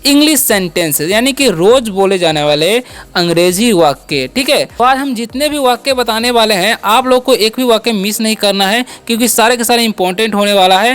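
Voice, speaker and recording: A man's voice: high voice, fairly bright tone, smooth. A man teaching English pronunciation, who spells words out letter by letter and asks and answers his own questions. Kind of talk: spoken English lesson.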